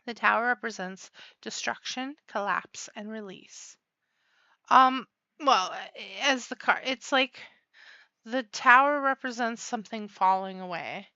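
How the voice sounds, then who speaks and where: A chatty woman talks through a tarot reading in a relaxed, rambling way. Her voice is bright and smooth, with an unhurried pace. The recording is dry and a little dull in its highs, as if made in a small quiet room. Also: dry recording. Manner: chatty, rambling, laughs often. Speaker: tarot reader.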